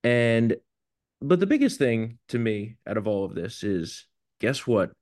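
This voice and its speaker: A man hosting a casual talk show over rough, low-quality remote stream audio, blunt and opinionated, sometimes swearing. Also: very animated, measured pace, a little mellow, no room sound, clean studio sound. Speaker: show host.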